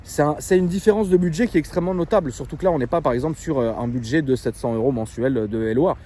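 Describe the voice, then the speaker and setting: A man telling a story casually in a vlog, chatty and animated with many fillers, then showing off his car from inside it. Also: on the high side, fast. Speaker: car vlogger.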